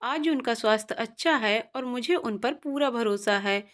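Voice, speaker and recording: A woman voicing a caring grown daughter, calm and firm in her replies. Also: fairly high pitch, normal speed, natural voice.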